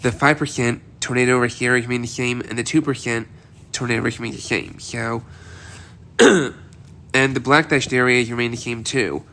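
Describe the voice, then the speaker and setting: This weather video host has a stuffy voice from a cold, medium in pitch, steady and sharp in tone, at normal speed. Giving a casual outlook, he rambles and keeps restarting and repeating himself.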